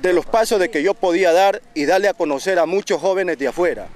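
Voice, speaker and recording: A man's voice: high-pitched, fast, a little mellow. A young man, speaking earnestly and proudly in an outdoor documentary interview, often repeating words and restarting. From Ecuador. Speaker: waste picker interviewee. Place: outdoors at a landfill. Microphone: handheld interview mic.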